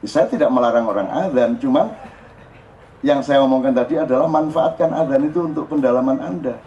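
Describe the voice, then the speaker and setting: A man's voice: mid-range voice, a little fast, highs cut off, slight background noise. A man with a Javanese accent giving an informal, joking religious talk to a crowd at a live forum. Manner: joking, animated, mixing in local dialect. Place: live open forum event.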